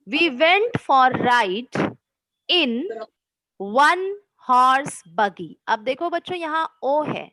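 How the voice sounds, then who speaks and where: A woman teaching children English grammar online, explaining slowly and patiently, mixing Hindi and English, with encouraging words. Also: high voice, fairly bright tone, no echo, rough recording.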